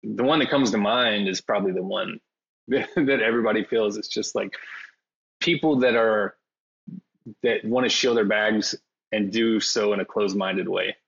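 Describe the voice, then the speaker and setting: A man's voice: fairly low pitch, fairly even intonation, normal speed, vocal fry, a bit bright, husky, muffled recording. A man chatting as a podcast guest in a hesitant, self-deprecating way, full of fillers. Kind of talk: casual interview conversation.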